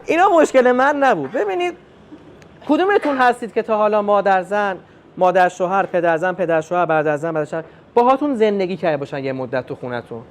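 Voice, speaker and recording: A young man performing a stand-up comedy routine, telling family stories and acting out the dialogue in an animated way. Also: high-pitched, slight background noise. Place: comedy club stage with live audience.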